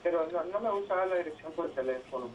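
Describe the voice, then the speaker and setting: A man's voice: a little high, fast talker. A man answering a phone call and talking casually. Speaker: person receiving a prank call. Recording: distant, noisy phone line.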